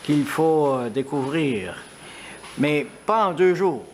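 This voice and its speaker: A man interviewing a guest, asking questions hesitantly with many filler pauses. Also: a little high, lively intonation, a little hiss or hum. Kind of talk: casual interview.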